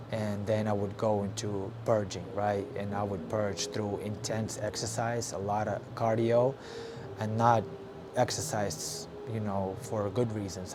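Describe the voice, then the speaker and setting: A young man from Ukraine candidly telling his personal story as a vlogger, frank and halting, with many fillers and swearing. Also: medium pitch. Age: young adult. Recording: audible background noise.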